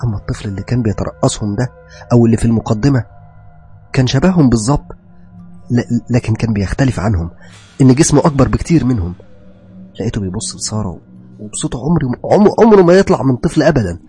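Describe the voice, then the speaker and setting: A man narrates a horror story in Egyptian Arabic, low and hushed, at a quick clip. Faint music plays underneath. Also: lively intonation. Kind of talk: first-person horror narration.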